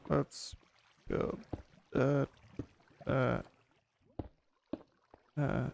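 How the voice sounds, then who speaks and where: A man's voice: mid-range voice, little pitch movement, extremely slow, vocal fry, a little mellow, slight background noise. A man casually commenting to himself while playing a video game, with hummed tunes and little sound effects. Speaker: gaming channel host. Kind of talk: relaxed gameplay commentary.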